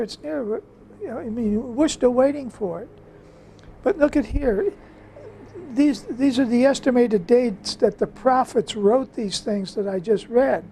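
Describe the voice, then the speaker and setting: A woman's voice: a little high, warm tone, breathy edge. A woman leading an informal Bible study, reading scripture aloud and explaining it in a conversational way with frequent fillers.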